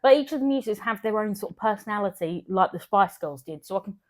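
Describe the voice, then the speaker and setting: A woman's voice: medium pitch, expressive, fast talker. A woman co-hosting a film podcast in casual, enthusiastic chat, often trailing off and restarting. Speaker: podcast co-host.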